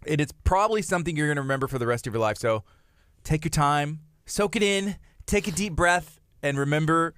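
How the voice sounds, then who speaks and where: A man in his thirties co-hosts a live morning radio show from a studio, talking fairly quickly into a studio microphone in a bright-ish, clean, rather high voice with no room sound. The casual chat is upbeat, and he laughs often and restarts phrases.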